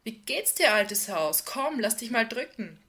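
A woman voicing an exuberant, flirtatious woman in her thirties who talks loudly and eagerly. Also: medium pitch, sing-song, moderate pace. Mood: delighted. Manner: loud, bubbly, pushy.

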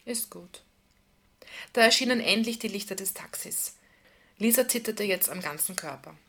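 A woman reading a novel aloud in calm, intimate scripted narration. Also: mid-range voice, a little fast. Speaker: audiobook narrator.

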